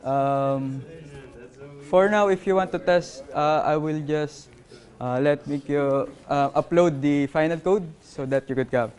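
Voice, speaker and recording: A man presenting a live coding workshop, halting and apologetic, with many fillers. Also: fairly high pitch, darkish tone. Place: conference workshop room.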